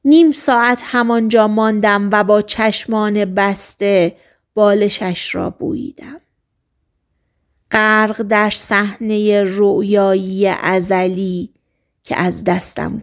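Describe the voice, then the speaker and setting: A woman with a mid-range voice narrates a novel as an audiobook, speaking softly and in a hushed tone, often half-whispering. Her phrasing is slow and deliberate.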